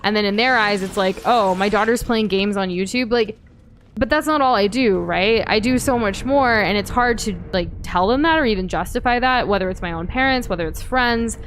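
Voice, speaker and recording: A fairly high, slightly bright female voice speaks a little fast over slight background noise. She's a young American co-hosting a game stream, reading viewer comments and chatting openly with lots of fillers and restarts.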